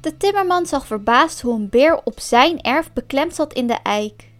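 High-voiced woman reading a storybook. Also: animated, moderate pace, fairly bright tone, soft background music. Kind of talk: storybook narration.

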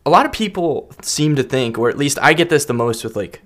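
A man hosting a casual podcast, relaxed and agreeable as he puts questions to his guest. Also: medium pitch, a little fast. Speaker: podcast host.

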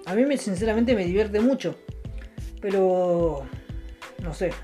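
A man's voice: high voice, darkish tone. Rambling young Rioplatense guy telling stories. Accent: Argentine Rioplatense Spanish. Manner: meandering, full of restarts and fillers, chuckles at his own jokes; sarcastic, offhand. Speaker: comedian. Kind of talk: rambling stand-up storytelling monologue.

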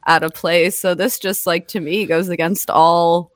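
A young woman co-hosting a weekend radio show, telling stories in relaxed, casual banter and laughing often. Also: fairly low pitch, measured pace, dry recording, clean studio sound. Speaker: radio co-host.

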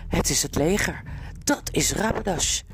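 A woman's voice: on the low side, lively intonation, moderate pace, close to an everyday voice. A woman voicing a bold young noble girl who speaks in an urgent, commanding way, in a noisy recording. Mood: hushed, grim.

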